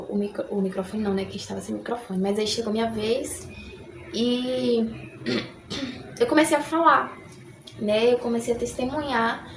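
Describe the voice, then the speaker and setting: A woman's voice: on the high side, slight background noise. A young Brazilian woman telling her conversion story in an earnest, chatty way, often adding "né?". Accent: Brazilian Portuguese. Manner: chatty, earnest, tag questions "né?" throughout. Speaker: vlogger giving her conversion testimony. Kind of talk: casual personal testimony. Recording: roomy room with faint ambience.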